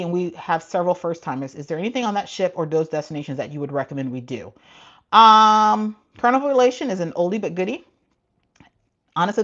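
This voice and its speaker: A woman's voice: on the low side, dull audio. A woman running a casual live-stream Q&A as a cruise travel agent, talking frankly with many asides and frequent laughs.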